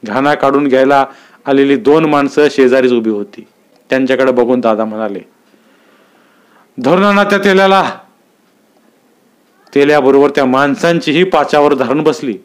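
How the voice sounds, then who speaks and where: A man reading a literary story aloud with steady, vivid narration. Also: medium pitch, fairly quick.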